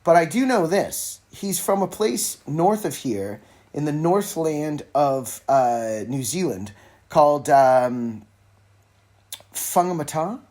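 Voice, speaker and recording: Taking it slowly, this podcast host speaks in a fairly high, expressive voice with a darkish tone. Alone in an informal recording with a phone nearby, he rambles about music, cutting himself off often and tossing in wry, casual asides.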